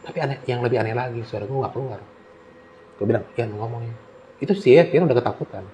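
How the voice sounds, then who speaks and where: A lively male storyteller swings his pitch up and down as he talks. His voice sits at an ordinary middle height. He acts out each speaker in the tale while chatting casually. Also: racing, a little hiss or hum. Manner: animated, acts out dialogue. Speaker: guest storyteller.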